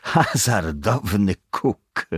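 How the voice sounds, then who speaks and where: A man voicing a guarded, superstitious ship's bosun who talks in a hushed, secretive way. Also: on the low side, big pitch swings, drawn-out words, slightly rough, no room sound, clean studio sound, heavily acted. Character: evasive, superstitious middle-aged male ship's bosun.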